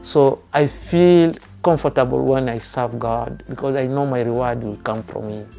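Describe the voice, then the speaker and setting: A man, speaking a careful, halting personal testimony indoors. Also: medium pitch, vocal fry, mellow, soft background music. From Democratic Republic of the Congo. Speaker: church member. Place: indoor room by a window.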